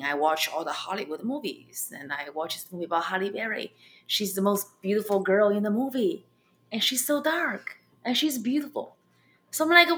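A young Chinese woman with a Chinese accent, a comedian, tells her story as an interview guest, halting often with many fillers and restarts. Her voice is medium in pitch and a bit bright.

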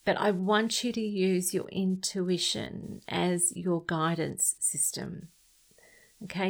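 A woman's voice: fairly low pitch, vocal fry, low-quality recording. A woman speaking earnestly and directly to her listener, giving heartfelt advice on breaking free from toxic relationships.

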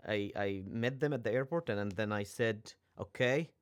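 A man's voice: on the low side, moderate pace, clear, resonant tone. Young man, Egyptian accent, native Arabic speaker; hesitant guest with many ums and restarts. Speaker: seminary student guest. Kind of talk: casual interview chat.

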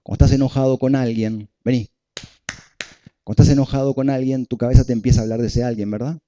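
A man's voice: medium pitch, fairly even intonation, quick pace, dark tone, lo-fi sound, a little hiss or hum. Man preaching with emphatic repetition. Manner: emphatic preaching, repeats phrases, asks the congregation questions. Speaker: pastor. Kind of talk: sermon.

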